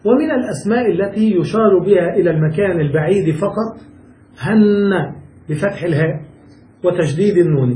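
Arabic grammar sheikh in an echoey room. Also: male voice, high voice, dark tone, recorded from a distance. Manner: explains slowly, quotes verses and checks understanding. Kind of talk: classroom lecture.

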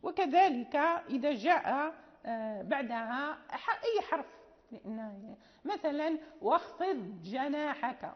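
A woman teaching Quran recitation and tajweed, explaining slowly with pauses and recited examples. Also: high voice, big-room sound, muffled recording. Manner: slow, careful explanation with many pauses and check-ins. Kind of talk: classroom lecture with recited examples.

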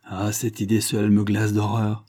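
A man's voice: fairly low pitch, completely flat delivery, normal speed, mellow, no room sound, studio quality, close to an everyday voice. A man voicing a bitter, remorseful young nobleman recovering from illness in a storybook reading. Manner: bitter, brooding.

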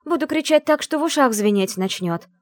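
A woman's voice: high voice, expressive, a little fast, no echo, studio quality, voice pushed up. A woman voicing a desperate young noble lady. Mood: pleading.

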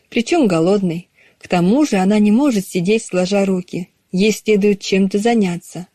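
Brief: female audiobook narrator, mid pitch, measured delivery, dry booth. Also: no echo. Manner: measured storytelling, even reading. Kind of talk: scripted narration.

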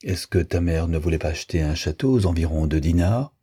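A man reading the lines of a weary middle-aged gentleman in an audiobook, restrained and gently gruff. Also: sits low, animated, a little fast.

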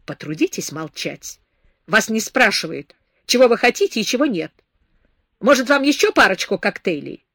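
Brief: woman doing a stern, mocking grown man, sharp and lecturing, loud and dry. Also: mid-range voice, big pitch swings, moderate pace, slightly rough, no echo, heavily acted. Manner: harsh, sarcastic, lecturing. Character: stern scornful man scolding a drunk girl.

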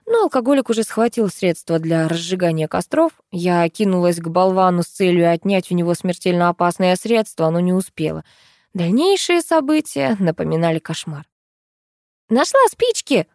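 A woman narrating a comic first-person audiobook in a lively, dramatic manner. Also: lowish voice, normal speed, no room sound, studio quality.

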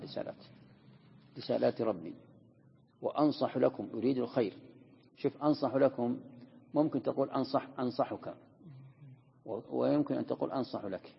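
A man's voice: medium pitch, gravelly, breathy edge. A man teaching a classroom Quran commentary lesson, asking and answering his own questions. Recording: dull lo-fi recording in a reverberant hall.

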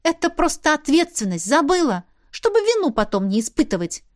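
A woman's voice: high voice, sing-song, brisk, pitched above the performer's own voice. A woman voicing a young heroine who speaks heatedly and indignantly. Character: young woman heroine, hot-tempered and defensive.

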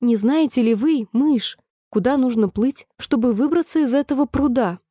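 A polite, chatty little girl with a raised, bright-pitched voice, eager and quick to apologise, as a woman puts her on in a storybook reading. The tone stays mellow, and the recording is close and dry. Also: dry recording.

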